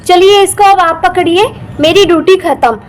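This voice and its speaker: A woman's voice: extremely high pitch, moderate pace. A woman voicing a tired, chatty young aunt in a doll story, complaining as she talks. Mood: fed up. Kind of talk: doll story role-play.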